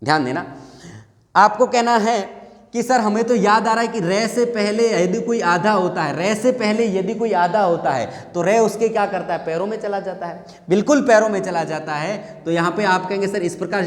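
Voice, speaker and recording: A male Hindi teacher giving an exam-prep grammar lesson. He asks the students questions, answers them himself, and repeats the key points. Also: high-pitched. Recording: echoey room with long reverb.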